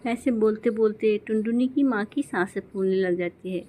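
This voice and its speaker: A woman's voice: mid-range voice, normal speed, dark tone. A woman narrating a children's cartoon story in a plain, matter-of-fact way.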